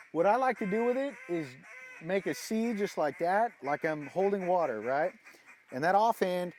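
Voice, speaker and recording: A man giving a casual, folksy hands-on lesson as a goose calling instructor. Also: high voice.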